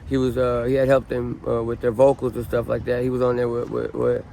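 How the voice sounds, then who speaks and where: His voice creaky and medium in pitch, a Southern Californian man in his late thirties tells his story fairly quickly during a casual street interview on a city street. He's relaxed and rambling, with lots of ums and restarts, over faint street noise.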